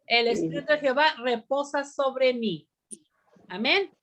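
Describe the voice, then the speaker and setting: A woman teaching a bible lesson to a women's group, speaking deliberately and often pausing on "amén" to ask her listeners questions. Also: sits high, animated, a bit bright, muffled recording.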